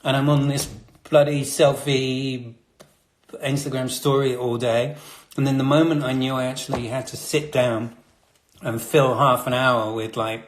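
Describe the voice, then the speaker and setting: A British chocolatier with an ordinary mid-range voice hosts a casual live chat about his chocolates. He's chatty but a bit nervous, filling his speech with lots of ums, and the room lends a noticeable echo.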